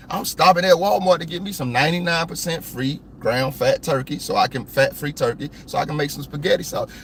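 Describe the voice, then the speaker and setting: A man's voice: high-pitched, fairly bright tone, a little hiss or hum. A man hosting a live stream, ranting hotly and with plenty of profanity. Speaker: copwatch channel host.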